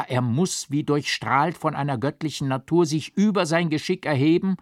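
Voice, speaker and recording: A man's voice: medium pitch, no echo, clean studio sound, close to an everyday voice. A man reading the part of an earnest old man in an audiobook, coaxing and pleading, rising to fervent exhortation.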